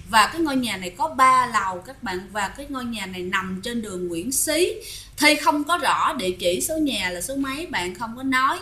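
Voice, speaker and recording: A woman's voice: fairly high pitch, sharp tone. A woman telling ghost stories in a chatty way, often speaking straight to her listeners. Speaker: ghost story narrator. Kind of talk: casual storytelling to listeners.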